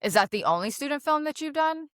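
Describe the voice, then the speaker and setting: A woman's voice: sits high, lively intonation, fast, fairly bright tone, dry recording. A woman host chatting casually in an interview, laughing often and leaning on fillers as she talks. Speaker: interviewer and actress.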